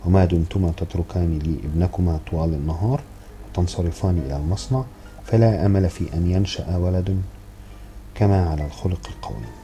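Man voicing old grandmother, strict, scolding, storybook, very dark tone. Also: deep voice, fast, soft background music. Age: older. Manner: scolding, sharp.

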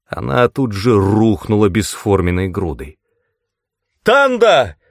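A man narrating a fantasy audiobook in the first person with measured storytelling. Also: fairly low pitch, a little mellow, dry recording, clean studio sound.

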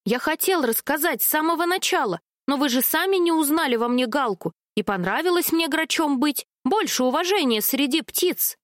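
A woman's voice: sits high, animated, normal speed, few pauses, no echo, studio quality, pitched above the performer's own voice. A woman voicing a sheepish male jackdaw who pretended to be a rook and now defends himself eagerly. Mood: defensive.

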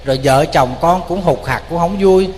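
A man with a Southern Vietnamese accent, a Buddhist monk telling a story in a sermon, animated and colloquial, speaking straight to his audience. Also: a little high, moderate pace, big-room sound.

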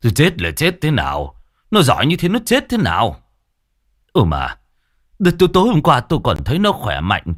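A man's voice: mid-range voice, wildly swooping pitch, normal speed, fairly bright tone, dry recording, clean studio sound, voice pushed up. A man doing a grumpy half-deaf old villager. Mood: grumbling. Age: older. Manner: grumbling, incredulous, cursing.

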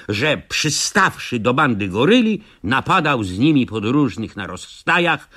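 A man reading a comic first-person radio story in quirky old-fashioned grammar, with a theatrical delivery and sudden shouts. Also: mid-range voice, husky.

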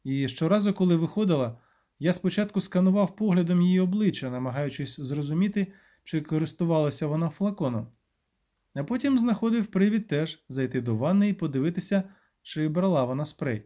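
Brief: male narrator, measured and wry, warm low-brightness tone. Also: lively intonation. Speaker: audiobook narrator. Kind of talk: first-person audiobook narration.

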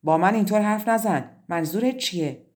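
A woman voicing a harsh, scolding stepmother in a fairy tale audiobook, loud and accusing. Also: fairly low pitch, animated, lightly acted. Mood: angry.

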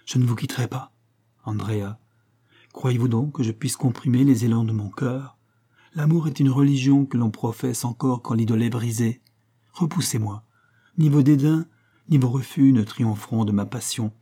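A man's voice: medium pitch, fairly even intonation, normal speed, mellow, breathy edge, lightly acted. A man voicing a passionate, hot-tempered young nobleman speaking ardently. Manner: ardent, vehement.

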